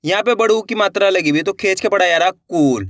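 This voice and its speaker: A woman's voice: medium pitch, racing, fairly bright tone, no echo, clean studio sound. A woman teaching children's reading, sounding out syllables one at a time and blending them into words, often asking the viewers questions. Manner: addresses viewers as friends, asks questions.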